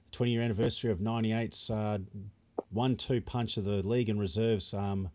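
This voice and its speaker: A man's voice: on the low side, fairly even intonation, a little fast, darkish tone, highs cut off, a little hiss or hum. An Australian man hosting a casual sports podcast in a blokey, matey way. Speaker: podcast host.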